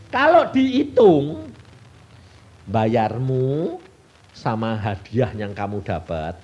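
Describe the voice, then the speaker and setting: Here a man with a Javanese Indonesian accent preaches a folksy sermon in a medium-pitched, darkish voice, raising questions for the congregation only to answer them himself. A little hiss or hum runs under the recording.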